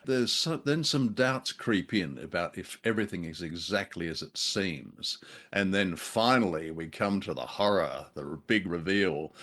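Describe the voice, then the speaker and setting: A man co-hosts a relaxed podcast review, his voice sitting somewhat low. He talks in a wry, unhurried way and chuckles at his own remarks. It is an easygoing discussion between two hosts. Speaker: podcast co-host.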